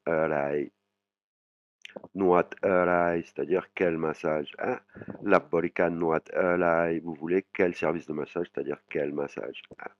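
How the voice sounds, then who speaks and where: A man teaching a language lesson, explaining words slowly and adding "hein" after many phrases. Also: low-pitched, steady tone, dry recording. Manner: frequent "hein" tags, slow drawn-out sample words. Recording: dry, muffled lo-fi voice.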